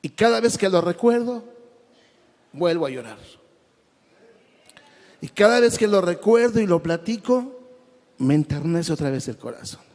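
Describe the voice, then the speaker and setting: A man's voice: high voice, expressive, a little slow, long pauses, darkish tone. A man giving an emotional church testimony, stumbling over repeated words and calling listeners brother. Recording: long hall reverb.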